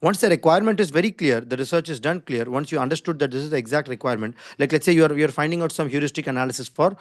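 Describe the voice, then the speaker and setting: A man with an Indian English accent teaches an online class at a rapid clip. His voice sits a little high and sounds dry and close. He explains insistently and informally, repeating points and often checking for understanding. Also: dry recording. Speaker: design skills instructor. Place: online video call with screen share.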